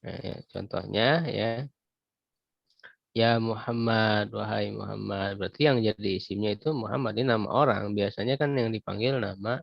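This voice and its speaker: A man teaching Arabic grammar in an online class, explaining patiently and pausing to clear his throat. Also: fairly low pitch, no echo. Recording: dull lo-fi video call audio, dry.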